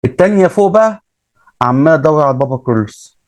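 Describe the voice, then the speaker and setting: Egyptian male storyteller, quick and casual, repeats himself, dry close mic. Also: fairly high pitch, animated, dry recording. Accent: Egyptian Arabic. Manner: retells events with many repeats and restarts.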